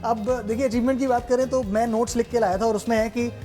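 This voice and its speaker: A man's voice: very high-pitched, fairly even intonation, fast talker, mellow, soft background music. A man hosting a sports interview, asking questions in a chatty, enthusiastic way and affirming answers often. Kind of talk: casual interview.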